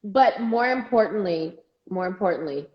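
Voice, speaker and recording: A woman's voice: mid-range voice, animated, moderate pace, dull audio. Emphatic woman co-host, echoey room. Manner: emphatic, opinionated, acts out quoted voices. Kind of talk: casual chat.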